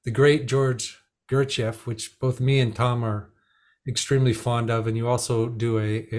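A man hosting a podcast, introducing his guest in an informal, halting and teasing way. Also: medium pitch. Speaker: podcast host. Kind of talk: casual interview introduction.

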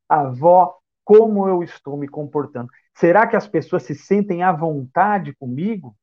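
Heard through dull audio, a man whose voice sits high delivers a spiritist lecture, reflective and posing rhetorical questions. He's a Brazilian from São Paulo state with a Brazilian Portuguese accent.

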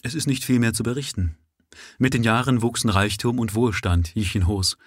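A man reading a story aloud live, sight-reading it in a plain, steady storytelling manner. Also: mid-range voice, moderate pace, dry recording, studio quality. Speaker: reader of a story. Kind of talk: live audiobook reading, read at first sight.

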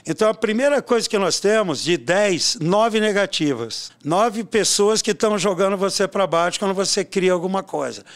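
Older man with a high, smooth voice. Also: moderate pace, few pauses. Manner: animated storyteller, peppers talk with tag questions. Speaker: swimming coach and educator. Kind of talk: casual interview talk.

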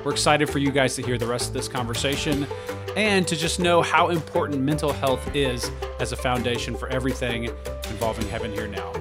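A man's voice: medium pitch, fairly quick. Upbeat male podcast host over music. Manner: upbeat, friendly with frequent fillers. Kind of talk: casual podcast chat. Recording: music bed behind the voice. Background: background music.

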